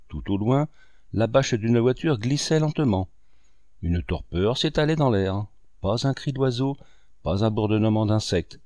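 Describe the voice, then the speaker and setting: A man narrating a classic novel as an audiobook, in a measured, expressive reading. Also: on the low side, dry recording, clean studio sound. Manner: measured, expressive reading with wide rises and falls.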